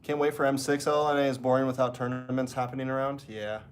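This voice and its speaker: Speaking fast in a medium-pitched voice, an esports caster with a congested nose chats to his stream from a hotel room. He is relaxed and rambling, drifting loosely from one thought to another.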